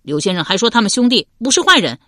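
A woman voicing a hot-tempered young man, the son of a wine-shop keeper, who speaks in loud, rapid outbursts. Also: medium pitch, very animated, no room sound, studio quality. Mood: angry.

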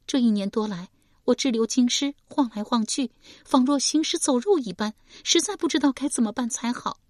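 A woman's voice: fairly high pitch, moderate pace, darkish tone, no echo, studio quality, pitched above the performer's own voice, lightly acted. A woman voicing a grieving, vengeful young noblewoman in an audiobook, tearful and anguished.

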